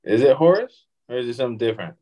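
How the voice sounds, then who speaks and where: A man's voice: medium pitch, lively intonation, very fast, mellow, rough recording. A man hosting a casual chat over a video call, swearing freely and laughing often. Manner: profane, laughing, rambling.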